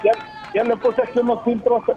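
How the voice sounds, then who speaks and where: Un hombre cuenta chistes al aire con la voz deformada por un filtro de teléfono. Repite palabras y se enreda al hablar. La línea se oye opaca. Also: male voice, very high-pitched, level tone, fairly quick, dark tone, a faint crowd. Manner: rambling storyteller, repeats words. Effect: voice-changing filter on the phone. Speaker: radio caller. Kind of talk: joking call-in chat. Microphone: phone. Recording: dull phone line with faint noise.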